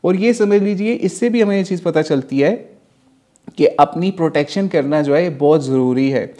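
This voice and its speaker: Speaking at normal speed in a high-leaning, dark-toned voice, a religious teacher from Pakistan covers Islamic history. He relates events as stories, questions and answers himself, and mixes in English terms.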